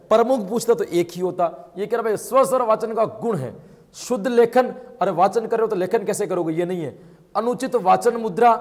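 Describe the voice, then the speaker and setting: A man teaching an exam coaching lesson, talking rapidly and emphatically, firing rhetorical questions and calling his students friends and brother. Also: sits high, a little mellow, in a large hall. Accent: Rajasthani Hindi. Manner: addresses viewers as friends and brother.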